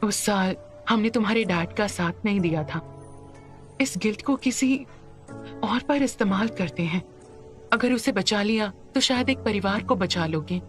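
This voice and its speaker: A woman dubbing a gentle widowed mother who softly coaxes her grown son to help someone. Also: medium pitch, normal speed, faint music behind, close to an everyday voice. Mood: coaxing. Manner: soft, coaxing, pleading. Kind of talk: Hindi dub of a drama.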